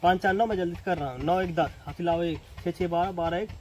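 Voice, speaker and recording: A man's voice: sits high, fairly even intonation, quick pace, a little mellow, slight background noise, low-quality recording. Man teaching math at a board. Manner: talks straight to students, repeats points with "na" tags. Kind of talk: casual classroom teaching at a board.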